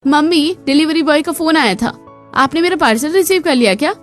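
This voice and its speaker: A woman's voice: high-pitched, a little fast, faint music behind, natural voice. A woman voicing a spoiled young college daughter in a cartoon, whiny and petulant.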